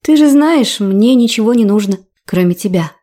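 A woman's voice: medium pitch, lively intonation, moderate pace, mellow, natural voice. A woman voicing an earnest, worried young queen in a storybook reading.

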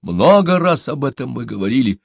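Earnest superstitious young man, read by a man; measured, doubting. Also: medium pitch, very animated, gravelly, no room sound, studio quality, voice pushed up. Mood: doubtful.

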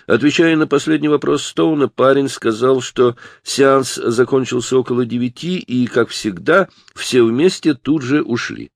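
A man reading a detective novel aloud as narrator, with lively storytelling delivery. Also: mid-range voice, moderate pace, creaky, hardly any pauses, no echo, clean studio sound. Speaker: audiobook narrator.

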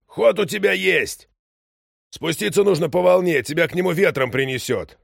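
A man doing a gruff old ship's engineer. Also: fairly high pitch, normal speed, no echo, studio quality, voice pushed up. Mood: insistent. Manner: scolding, insistent, raised voice.

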